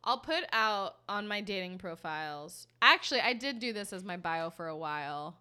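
An American woman in casual podcast conversation. Her voice is bright and forward, and her pitch moves around with plenty of animation. She talks in a joking way, often at her own expense. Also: expressive, moderate pace, clear, resonant tone. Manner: self-deprecating, joking. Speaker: podcast co-host. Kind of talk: casual chat.

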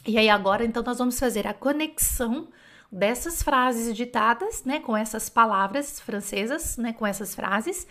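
A woman's voice: a little high, expressive, normal speed, a bit bright. A woman teaching French in a casual online lesson, chatty and encouraging, often thinking aloud and correcting herself. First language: Portuguese.

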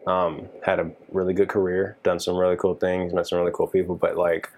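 A man's voice: low voice, fairly quick. A man in his thirties from Texas, a working musician, chatting casually and rambling with lots of fillers. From Dallas, Texas. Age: 30s. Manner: relaxed, rambling, many fillers like "you know". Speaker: touring keyboard musician. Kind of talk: casual podcast chat.

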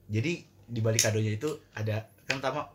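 A man's voice: fairly low pitch, fast talker. A young man with telling a story in a casual podcast chat, flustered and swearing casually. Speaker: podcast co-host.

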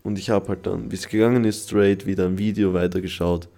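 Low-voiced young man telling a personal story. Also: fairly even intonation, fast, warm tone, faint music behind. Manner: rambling, confessional, many fillers and restarts. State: downcast, troubled. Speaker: podcast host.

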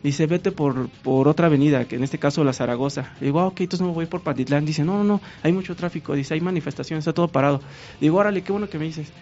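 A man with a Mexican accent tells a long story as a guest, acting out the voices of the people he met in a lively way. His voice sits a little high for a man. The audio is muffled and lo-fi, with faint music underneath. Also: quick pace. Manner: animated, acts out quoted dialogue. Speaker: guest painter. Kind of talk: casual storytelling.

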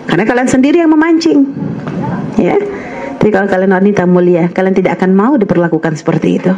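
A woman's voice: medium pitch, fast talker, dark tone, highs cut off, a little hiss or hum. Earnest woman preaching to young listeners. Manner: earnest, admonishing, calls listeners child. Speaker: Islamic religious teacher. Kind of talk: radio religious lecture to young women.

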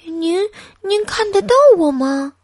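A woman voicing an invisible little boy who calls out in a high, tearful voice. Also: slow pace, a little mellow. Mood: tearful, pleading.

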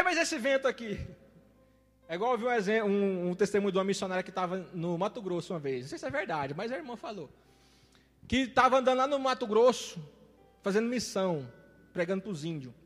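A man with a notably high voice delivers an impassioned sermon, leaning into repetition and sudden shifts from loud to hushed. His words ring out in a reverberant church hall. Faint music plays underneath. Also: expressive, fast talker. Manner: impassioned, repeats phrases, swings between loud and soft. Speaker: evangelist preacher.

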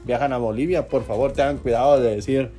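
A man's voice: medium pitch, fairly even intonation, brisk, warm tone. Joking Guatemalan man with guitar music behind. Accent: Guatemalan Spanish. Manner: jokey, laughs often, addresses listeners. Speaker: podcast co-host. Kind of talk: casual chat.

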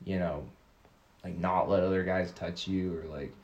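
A man appears as a guest on a casual chat show. He rambles and stops and starts, leaning on "like" again and again, in a fairly low voice. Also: steady tone, a little mellow, dull audio. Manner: rambling, halting, heavy use of "like".

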